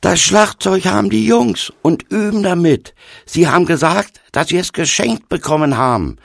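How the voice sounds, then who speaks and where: A man's voice: high voice, moderate pace, creaky, no room sound, studio quality, voice pushed up. A man voicing a small, kindly old farm grandmother who calls across a yard. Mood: explaining.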